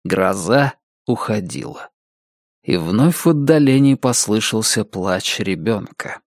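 Male narrator for a novel; slow, deliberate delivery, dry studio sound. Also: medium pitch, a little mellow, no room sound. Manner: measured, deliberate reading. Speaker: audiobook narrator. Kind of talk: scripted narration.

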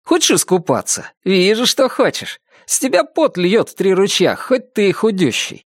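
A man voicing a cheerful young male student who reads aloud slowly and stumbles over words. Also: high-pitched, big pitch swings, dry recording, studio quality, voice pushed up, heavily acted. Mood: pleading cheerful. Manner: slow stumbling reading aloud.

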